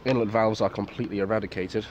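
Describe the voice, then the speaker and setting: A fast-talking man with a fairly low voice and fairly even intonation gives an unscripted product review of a military surplus gas mask. He is understated, swears, and mutters asides, recorded at night in a garden where the outdoor noise is clearly audible.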